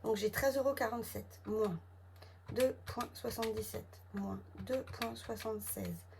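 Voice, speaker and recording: A woman's voice: mid-range voice, a little mellow. A woman with a southern French accent, a budget vlogger who thinks aloud and mutters sums and figures under her breath while counting her envelopes at home. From south of France. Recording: clear background noise with clicks.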